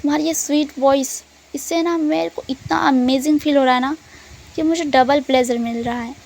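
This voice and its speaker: A woman voicing an adoring, teasing young man in love, speaking low and coaxing in her own high voice. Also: steady tone, moderate pace, creaky, a little mellow. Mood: intimate, teasing.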